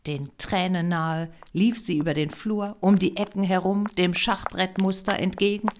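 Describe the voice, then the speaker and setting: A woman narrating a novel as an audiobook, expressive and dropping to a whisper in tense passages. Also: fairly low pitch, moderate pace, a little hiss or hum.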